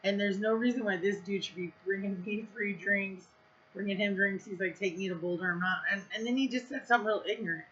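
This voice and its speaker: Blunt, bright-voiced woman vlogger. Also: mid-range voice, brisk, muffled recording, slight background noise. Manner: blunt and profane, rambling with many fillers. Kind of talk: casual storytime vlog.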